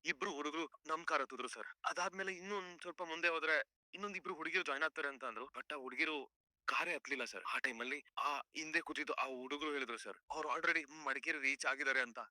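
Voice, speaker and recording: A man's voice: a little high, fast, sharp tone, dry recording. An actor playing a falsely accused young man who pleads respectfully under questioning. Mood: pleading.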